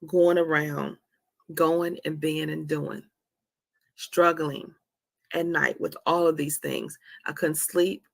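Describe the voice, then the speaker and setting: A woman in her forties hosts a live talk on anxiety, giving a candid motivational testimony. Her low, creaky voice is steady and slow, and she emphatically repeats phrases for effect.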